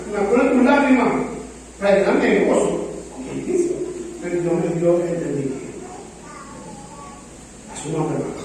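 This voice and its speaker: A man preaches with an emphatic, high voice, often pushing loud and then falling quiet. He sounds far from the mic, and the church hall around him rings with a long echo. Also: slight background noise. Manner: emphatic, swinging between loud and hushed. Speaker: pastor. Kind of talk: preaching a sermon.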